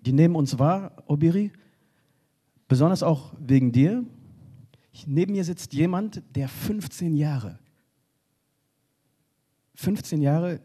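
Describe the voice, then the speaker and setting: A man speaking earnestly on a panel from a stage, often halting and restarting. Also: on the high side, mellow, husky. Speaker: panel speaker for a refugee organization. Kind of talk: spoken panel contribution. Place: stage in a hall.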